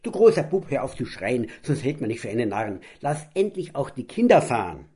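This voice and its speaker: A man's voice: mid-range voice, big pitch swings, mellow, breathy edge. A man voicing a reproachful mother in a children's storybook reading. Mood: scolding. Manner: reproachful, hurried. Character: scolding mother, brisk and reproachful.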